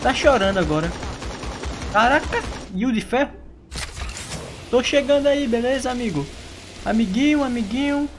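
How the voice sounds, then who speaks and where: A man's voice: very high voice, expressive, normal speed, long pauses, noisy background. Teasing man commenting a shooter game. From Brazil. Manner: chatty, teasing, laughs often. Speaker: gaming YouTuber. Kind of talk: live gameplay commentary.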